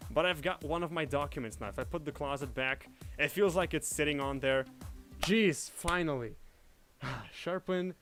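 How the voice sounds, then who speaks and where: A man's voice: on the high side, moderate pace, a bit bright, faint music behind. A young man from Indonesia, thinking aloud and narrating his steps at home while working on a project live. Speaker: livestreaming 3D artist. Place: home room shared with family.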